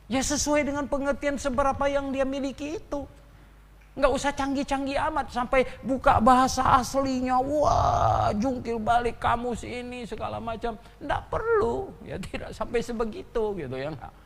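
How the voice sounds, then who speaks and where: Lively man preaching in a reverberant church. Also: very high-pitched. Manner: animated, rhetorical questions, chuckling asides. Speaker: pastor. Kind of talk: sermon.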